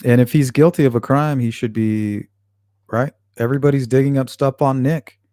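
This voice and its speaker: A man hosts a casual livestream, reading viewer comments aloud and answering them bluntly with frequent swearing, talking back to chat. His voice is medium-pitched and warm, with fairly even intonation and a moderate pace, recorded at studio quality with no room sound.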